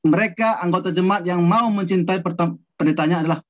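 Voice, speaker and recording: Pastor, male, on a video call; calm measured pastoral advice, voice a little high, muffled lo-fi sound. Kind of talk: answering questions in an online Bible study. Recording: dull lo-fi video call audio.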